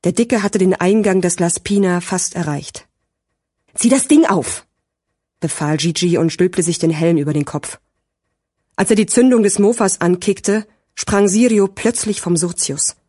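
Husky woman narrating a crime audiobook. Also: on the low side, normal speed, warm tone, dry recording, studio quality.

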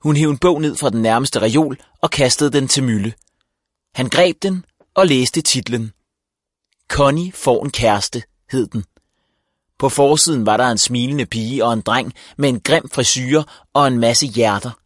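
A man reading a children's book aloud as narrator, with an even storytelling delivery. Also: medium pitch, no room sound, clean studio sound. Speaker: audiobook narrator.

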